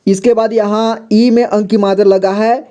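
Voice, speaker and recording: High mellow voiced guy teaching reading, says each word twice, slow and patient. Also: little pitch movement. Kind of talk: slow spelling-out reading lesson.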